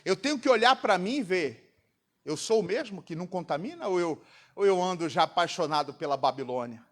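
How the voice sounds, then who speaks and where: A Brazilian pastor preaching a sermon to a congregation, throwing out rhetorical questions for the crowd to answer. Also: male voice, sits high, animated, a little fast. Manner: rhetorical call-and-response questions. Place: church congregation.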